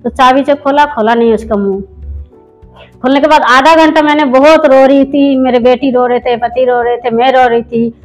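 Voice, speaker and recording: A woman's voice: sits high, fairly even intonation, normal speed, soft background music, low-quality recording. A middle-aged woman from India giving a spoken personal testimony in a rambling storytelling way with many restarts. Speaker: church member giving testimony.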